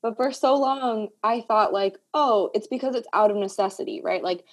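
A Puerto Rican woman hosts a podcast, casually discussing things and thinking aloud in a reflective way. Her voice is medium-pitched at a normal speed, and she leans heavily on "like" as a filler.

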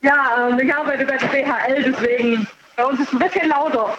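A woman in her thirties phones in through a bluetooth headset, her very high voice coming over a dull, muffled line. Loud machinery noise from her workplace runs behind her plain, matter-of-fact answers. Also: steady tone, a little fast. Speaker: caller. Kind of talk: casual phone call to a radio show. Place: noisy parcel sorting center at work.

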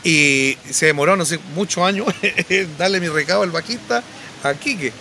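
A man, a podcast guest and musician, telling anecdotes casually with lively restarts. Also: fairly high pitch, normal speed, slight background noise. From Chile. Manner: animated anecdotes, frequent restarts. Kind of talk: casual storytelling.

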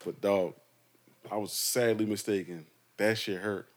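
A young man co-hosting a podcast in casual chat, telling animated childhood stories in loose slang. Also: lowish voice, measured pace. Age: young adult. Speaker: podcast host.

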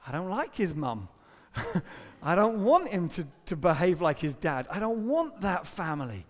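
A man's voice: high-pitched, very animated. Man preaching in an echoing hall. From Britain. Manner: conversational, rhetorical questions, quick asides. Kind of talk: sermon. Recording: long hall reverb.

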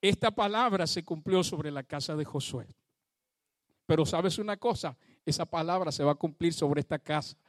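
Speaking at normal speed in a voice on the high side, a pastor preaches with fervor, praising God and addressing his congregation with questions. It's studio quality, with no room sound.

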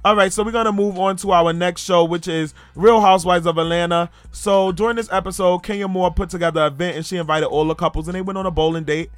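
A man's voice: sits high, fairly even intonation, quick pace, hardly any pauses, soft background music. A man co-hosting a casual chat show, gossiping about reality TV in a playful, teasing way. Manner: playful, teasing, breaks into song and impressions. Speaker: co-host.

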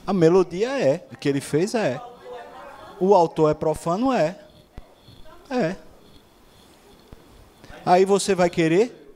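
A man's voice: sits high, lively intonation, slow pace, long pauses, dark tone. A man preaching a sermon, asking rhetorical questions and acting out other people's voices.

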